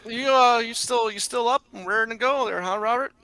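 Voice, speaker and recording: A man's voice: very high-pitched, a little fast, rough recording. A man in a casual group chat who teases the others and laughs often. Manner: animated, teasing, laughs often.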